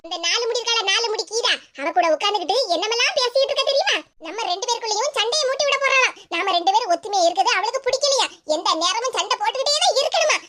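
Casting: a quarrelsome, cackling old cartoon mother-in-law, very high and fast, Tirunelveli Tamil accent. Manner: scolding, theatrical, cackling. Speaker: cartoon voice actor. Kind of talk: comic cartoon voice acting. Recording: noisy recording.

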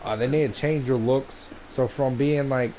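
This let's play features a US man chatting in a casual, rambling way into his gaming headset, its noisy mic catching the game's ambience. His voice is mellow and medium-pitched, with fairly even intonation at a normal speed.

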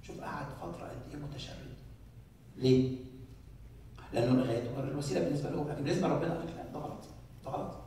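A man with an Egyptian Arabic accent giving an animated sermon as a priest, asking many rhetorical questions. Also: fairly high pitch, racing, long pauses, heavy reverb, far from the mic, slight background noise. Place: church.

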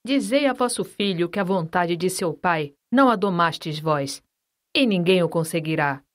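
A woman's voice: lowish voice, expressive, normal speed, natural voice. Woman reading as a stern sarcastic nobleman. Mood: cold. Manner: sarcastic, dry and commanding. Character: cold, stern older nobleman father.

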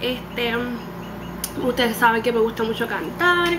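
Speaking at a measured pace in a slightly high voice, this nineteen-year-old woman from Puerto Rico talks casually to camera as a beauty vlogger, her Puerto Rican Spanish accent mixed with dropped-in English words. It's an animated chat from a small room, captured on a home webcam with background noise.

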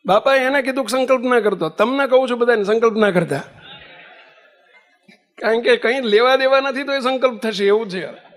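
A man giving a sermon as a swami, telling a story and acting out the dialogue in an animated way. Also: very high-pitched, brisk. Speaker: swami giving a religious discourse. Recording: long hall reverb.

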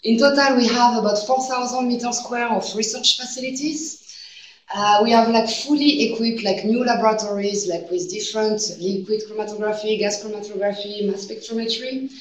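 A French woman in her thirties presents a seminar as a guest researcher, her fairly high voice moving at a moderate pace. Her English has non-native phrasing and leans heavily on "like" as a filler. The seminar room sounds echoey, and the mic is distant.

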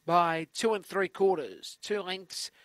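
A male Australian race caller with a high, bright voice. He delivers greyhound commentary and results in clipped announcer phrases, often repeating figures. The sound is close and dry. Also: slow, no room sound.

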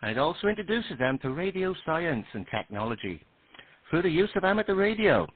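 A husky man talks as a guest on an amateur radio net, explaining things with a lively, up-and-down delivery and reading out call signs. The sound is thin and tinny, like a radio link. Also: a little high, a little fast, dry recording. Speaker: guest panellist. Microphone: radio transceiver.

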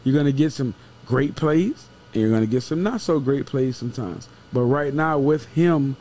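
The recording is rough: a man with a warm, medium-pitched voice at normal speed, co-hosting and analyzing on a sports show. His casual postgame football talk is emphatic and repetitive with some swearing, captured in a small wood-paneled studio room on a headset podcast mic.

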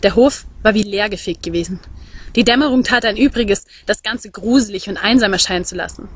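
A woman reading a novel aloud in measured, expressive narration. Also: medium pitch, slight background noise. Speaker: audiobook reader.

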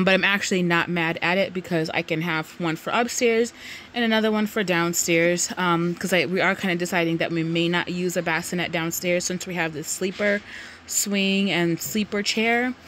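A young woman talks casually to her viewers from home, slightly out of breath and full of ums and restarts. Her voice sits a little low for a woman, with faint background noise in the recording. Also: a bit bright. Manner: chatty, many ums and restarts. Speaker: vlogger. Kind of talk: casual vlog chat.

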